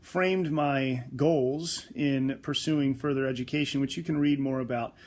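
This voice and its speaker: A young adult man, a teacher, telling reflective personal stories in a measured, thoughtful way with filler pauses. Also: medium pitch, fairly even intonation, darkish tone. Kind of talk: reflective spoken storytelling.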